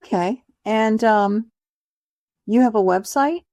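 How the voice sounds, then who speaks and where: A woman's voice: fairly high pitch, slow, warm tone, dry recording. Chatty woman podcast host, dry sound. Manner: chatty, encouraging, laughs often. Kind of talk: casual interview chat.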